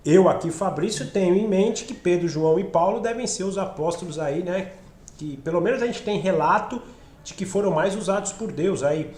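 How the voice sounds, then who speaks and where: A man with a Brazilian Portuguese accent teaching a Bible study, talking with a cold that leaves his voice a bit rough, often checking in with his listeners. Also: sits high, normal speed, a little mellow. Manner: conversational, asks listeners along, frequent "né?". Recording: roomy echo.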